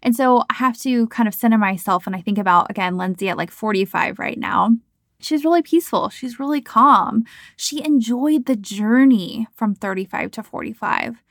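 A woman in her thirties talks through her podcast as a coach, with a fairly high voice. She's chatty and encouraging, peppering her talk with "like" and "you know." The recording is close and dry, with no room sound. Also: moderate pace, no echo. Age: 30s. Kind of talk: casual podcast monologue.

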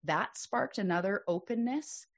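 A woman guest telling a personal story in a podcast conversation, candid and earnest, her voice jumping up when she gets excited. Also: mid-range voice, a little slow, lo-fi sound.

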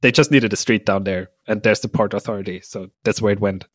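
A man's voice: lowish voice, brisk, no room sound. A man from Austria, a podcast guest, chatting casually with frequent laughs and fillers. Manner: relaxed, laughs often, many fillers. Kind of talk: casual interview conversation.

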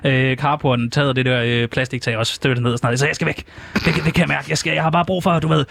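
A man's voice: mid-range voice, fairly even intonation, vocal fry, fairly bright tone, dry recording. A man playing a frantic male Olympic athlete who stammers and repeats words in a comedy sketch interview. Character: frantic male Olympic athlete desperate to flee his family.

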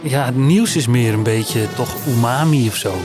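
A man's voice: mid-range voice, moderate pace. Joking male host over background music. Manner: jokey, asks quirky questions. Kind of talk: playful casual chat. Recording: music playing underneath.

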